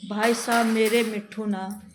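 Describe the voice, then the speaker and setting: A woman's voice: a little high, flat delivery, measured pace. Chatty scolding mother in an echoey room. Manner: chatty and scolding, talks to camera and to her kids. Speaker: mother and home vlogger. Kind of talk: casual home vlog narration. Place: indoors at home. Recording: echoey room with faint noise.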